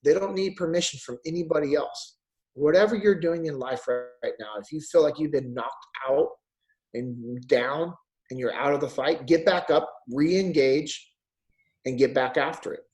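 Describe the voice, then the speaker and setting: A man in his thirties recounts a family story in easy, casual conversation, slipping into the voices of the people he quotes. His voice sits on the higher side for a man, and he talks at an unhurried pace. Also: a little mellow, rough recording. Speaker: podcast guest.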